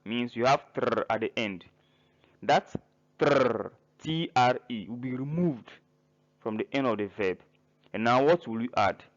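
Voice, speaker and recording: A man teaching a French grammar lesson in English, listing verbs slowly and spelling out word endings letter by letter. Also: medium pitch, animated, lo-fi sound. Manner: spells words out letter by letter, pauses between listed verbs. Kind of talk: slow grammar lesson narration.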